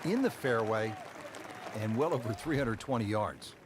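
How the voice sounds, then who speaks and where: A man giving golf commentary as the play-by-play announcer, in measured, declarative calls with short phrases. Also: medium pitch, expressive, natural voice. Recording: noisy, with crowd behind.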